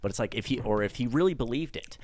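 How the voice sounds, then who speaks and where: A young man co-hosting a casual podcast, excitable and jokey, swearing freely. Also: medium pitch, fast talker. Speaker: podcast co-host.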